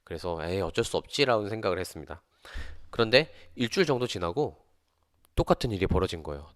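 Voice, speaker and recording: A man with a low, smooth, resonant voice tells a story from his own school days. He slips into the voices of the people in it, jumping sharply higher when someone shouts. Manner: acts out quoted voices with big pitch jumps. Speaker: teacher telling a personal story. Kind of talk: storytelling monologue.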